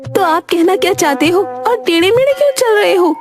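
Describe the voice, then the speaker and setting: A woman's voice: very high voice, lively intonation, moderate pace. A woman voicing a scolding village wife. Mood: exasperated. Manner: scolding, exasperated. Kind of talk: cartoon voice acting. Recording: music behind voice.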